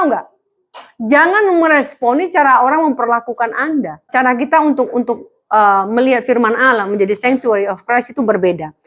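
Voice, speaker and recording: A woman pastor preaching to students, lively, with jokes and small acted dialogues. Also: on the high side. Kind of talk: sermon to students.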